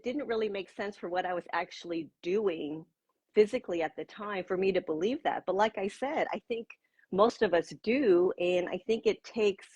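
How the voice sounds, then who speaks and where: Husky sixty-year-old woman on a video call. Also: mid-range voice, normal speed, a little mellow, no room sound, lo-fi sound. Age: 60s. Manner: chatty, with frequent fillers and laughs. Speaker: guest, pro-age blogger. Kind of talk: casual conversational interview.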